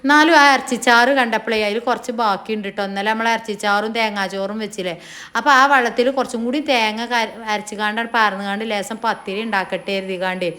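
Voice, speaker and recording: A woman's voice: steady tone, fast talker. A middle-aged woman, chatting homely and talkatively in a casual family vlog. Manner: homely and talkative, drops into a soft low voice on sad family news. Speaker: family vlogger and mother.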